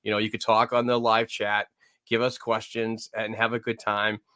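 Bright, low-pitched man co-hosting a podcast. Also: flat delivery, moderate pace, smooth, no echo. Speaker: podcast co-host. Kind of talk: casual chat about hockey.

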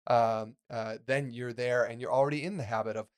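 A man's voice: medium pitch, steady tone, a little fast, clear, resonant tone. A man co-hosting a podcast, chatting casually and rambling, with many fillers and restarts. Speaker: podcast co-host.

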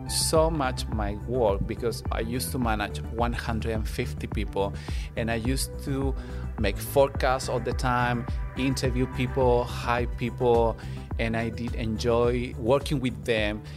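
A man from Chile, a native Spanish speaker with a Chilean accent, chatting warmly as a podcast guest and making small grammar slips. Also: mid-range voice, fairly even intonation, unhurried, over music. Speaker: guest, international student. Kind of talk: casual personal storytelling.

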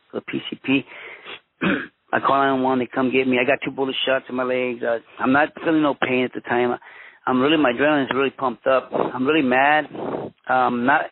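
A man in his fifties, born in Mexico and raised in Los Angeles, telling his own story as a former police officer, halting and restarting often. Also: mid-range voice, gravelly, breathy edge, no room sound. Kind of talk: personal storytelling interview. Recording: tinny phone-line audio.

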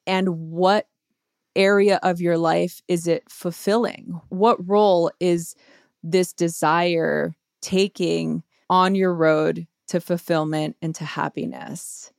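Earnest low-pitched woman, gravelly edge. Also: fairly even intonation, slow pace, darkish tone, no echo, clean studio sound. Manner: earnest, rhetorical questions, leans on "of course". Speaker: guest author. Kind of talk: reflective advice on a podcast.

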